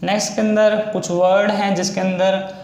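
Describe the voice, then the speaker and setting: A man teaching a shorthand lesson, slowly spelling out words stroke by stroke. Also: high-pitched, flat delivery, gravelly, a little mellow, echoey room. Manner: slow, stretches out words as he spells them. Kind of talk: explaining a lesson.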